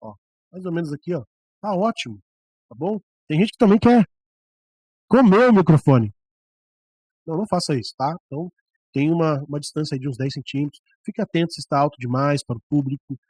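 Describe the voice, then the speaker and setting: A man with a Brazilian Portuguese accent teaches preaching to church leaders, chatty and hands-on, showing each point with his own voice. His voice sits a little high and carries a husky edge. The sound is close and dry, from a stand microphone about ten centimeters away. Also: fast talker, a little mellow, dry recording. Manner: conversational, often demonstrating with voice and mic. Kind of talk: classroom lecture on preaching.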